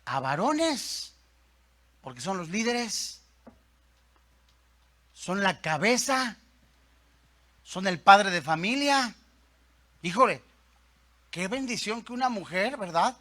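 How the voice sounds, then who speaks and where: A man with a Mexican Spanish accent, a pastor preaching a sermon, swinging between soft asides and loud, emphatic repetition. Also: sits high, lively intonation, takes it slowly, long pauses.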